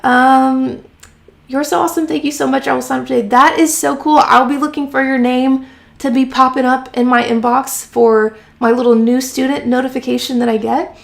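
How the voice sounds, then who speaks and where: An encouraging woman answers viewer questions on a live stream from her home office, her voice a touch high and full of vocal fry. She talks in a loose, chatty way, full of "um" and "like," and sounds a little hoarse after talking a long time. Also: level tone, normal speed. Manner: chatty and encouraging, many fillers like "um" and "like". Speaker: host of a freelance writing live stream.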